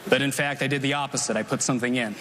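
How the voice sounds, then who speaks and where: A man in his twenties performing a scripted comedy magic routine on stage, with a dry, deadpan delivery and formal, precise wording. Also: medium pitch, rapid-fire. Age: 20s. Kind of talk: scripted stand-up magic routine to a live audience. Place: theater stage before an audience. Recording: noisy live theater recording.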